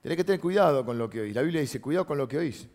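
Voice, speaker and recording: A man's voice: on the high side, animated, rapid-fire, a little mellow. A middle-aged man, a pastor giving a conversational sermon, reading scripture aloud and making asides to the congregation.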